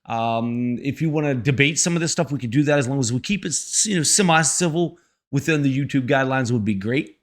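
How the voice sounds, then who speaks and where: A man's voice: mid-range voice, fairly quick. A man giving casual, folksy reaction commentary as the host of a video channel.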